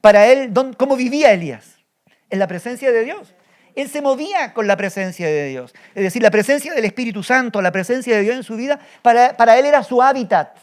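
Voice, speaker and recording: A man's voice: very high-pitched, animated, fairly quick. A male pastor preaching a sermon, telling a story with energy and often asking the congregation rhetorical questions. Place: church.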